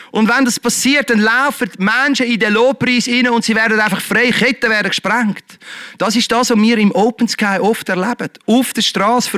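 High, bright-voiced preacher. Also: male voice, dry recording. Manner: lively preaching, swinging between loud exhortation and quiet earnest talk, with chuckles. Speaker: pastor. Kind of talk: sermon.

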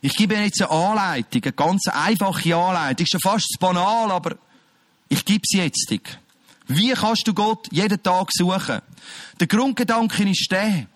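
A man preaching a sermon, emphatic and direct, swinging from loud calls to quiet, intimate passages. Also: high voice, moderate pace, dry recording.

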